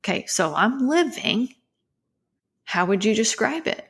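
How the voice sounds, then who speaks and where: Earnest woman with a gravelly voice. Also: fairly high pitch, sing-song. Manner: earnest, halting, drops to soft near-whispers. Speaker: podcast co-host. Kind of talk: casual podcast talk.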